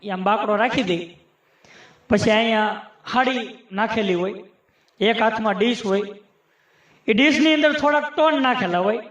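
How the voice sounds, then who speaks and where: A man performing folk comedy on stage, chatting and teasing the audience, then reciting rhyming sayings in a steady rhythm. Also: very high-pitched, echoey room, dull audio. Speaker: folk humorist.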